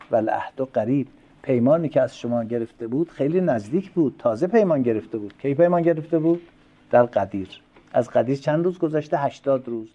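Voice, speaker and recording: A man giving a religious lecture. He recites Arabic phrases slowly, then explains them quickly and asks rhetorical questions. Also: mid-range voice, mellow, dull audio. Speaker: preacher explaining a classical sermon text.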